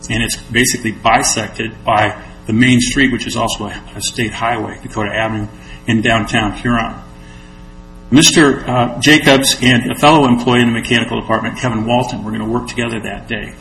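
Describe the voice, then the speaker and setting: An American man speaking as an attorney, giving a formal oral argument in a measured, explanatory way. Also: mid-range voice, steady tone, a bit bright, a little hiss or hum, poor audio.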